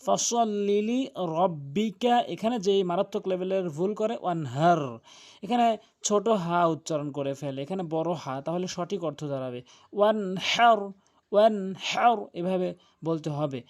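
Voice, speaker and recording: A man's voice: high voice, moderate pace, a little mellow. A man teaching Quran recitation, earnestly spelling out each letter and rule with emphatic warnings. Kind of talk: religious lesson on Quran recitation.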